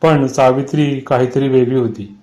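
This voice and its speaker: A man's voice: mid-range voice, steady tone, moderate pace, dark tone, natural voice. A man doing a grave old village uncle.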